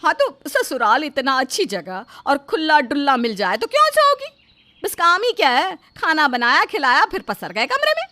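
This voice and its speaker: A woman with a high, exaggerated, pushed-up voice swings wildly in pitch at normal speed. She plays a bossy, spoiled young wife who taunts and scolds in storybook dialogue, loud and sarcastic.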